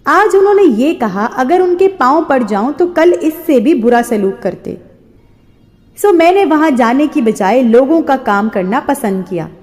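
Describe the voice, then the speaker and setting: Woman with a high voice reading a sad life story, earnest, lots of reverb. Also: a little mellow. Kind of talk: first-person story narration. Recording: long hall-like reverb.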